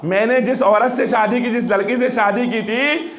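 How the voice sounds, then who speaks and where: A man's voice: very high voice, a bit bright. A male preacher giving a storytelling sermon to a gathering, acting out the dialogue in his story and urging listeners to reflect. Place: religious gathering with audience. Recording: echoey room.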